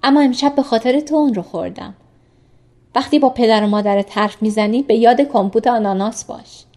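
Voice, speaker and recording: Woman reading as a gentle male doctor. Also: on the high side, natural voice. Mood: tender. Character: gentle teasing male doctor, young adult. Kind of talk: audiobook character reading.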